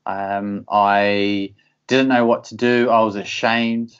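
A man's voice: fairly low pitch, flat delivery, slow, smooth, muffled recording. A man speaking candidly in an interview, earnest, often repeating words to stress a point. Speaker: podcast guest.

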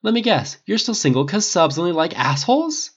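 A man's voice: a little high, very animated, a little fast, slightly rough, pitched above the performer's own voice. A man voicing a cocky, impatient male billionaire who talks in a sarcastic, clipped way, on a dull lo-fi recording. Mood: snarky, irritated.

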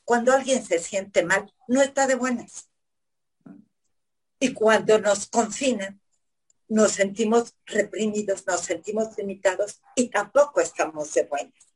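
A woman psychotherapist, explaining calmly step by step in an interview, often asking herself questions. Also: medium pitch, measured pace, husky, low-quality recording. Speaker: psychotherapist guest.

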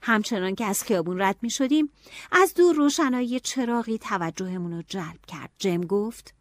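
A woman narrating an audiobook in a steady storytelling manner. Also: medium pitch, no room sound.

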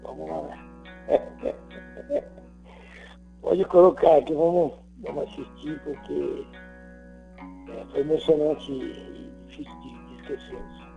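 A Brazilian man in his sixties, a former footballer, reminiscing casually in an interview, halting and repeating words as he recalls. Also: on the high side, steady tone, gravelly. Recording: muffled, band-limited sound, faint music.

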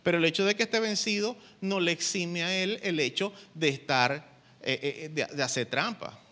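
A man delivers a Sunday sermon as pastor. His voice sits high and sounds bright and forceful. He preaches conversationally, pausing to ask whether his listeners understand. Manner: conversational preaching, often checks the congregation understands.

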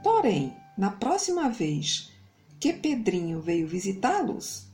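A Brazilian woman speaking as a kids show host, telling stories to small children in an animated, sing-song way. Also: medium pitch, takes it slowly, soft background music.

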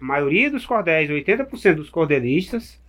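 Halting man explaining verse forms. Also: on the high side, very animated, fairly bright tone, soft background music. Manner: halting, explains patiently with many restarts. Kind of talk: casual explanatory chat.

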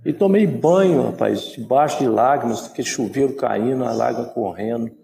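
A Brazilian man in his sixties, a former footballer, telling stories in an interview with lively, repetitive phrasing. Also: medium pitch, fairly quick, gravelly. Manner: lively storyteller who acts out quoted dialogue and repeats words. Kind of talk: storytelling in an interview.

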